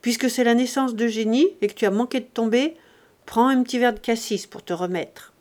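A woman reading aloud puts on a stingy old master of the house in an audiobook. He talks loud, brusque and bossy, with his voice pushed up high. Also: a little fast, close to an everyday voice. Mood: gruff, bossy. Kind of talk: audiobook character voice.

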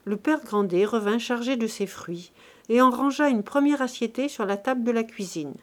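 A woman reading a classic novel aloud in a measured, even audiobook narration. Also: on the high side.

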